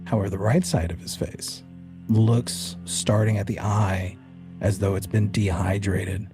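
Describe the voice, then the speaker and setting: A fairly low, steady male voice, a bit slow, comes through over music. He runs a tabletop horror game as game master, talking directly to the player and describing scenes as things happening to "you." His conversational narration alternates between suspense and casual talk about the rules.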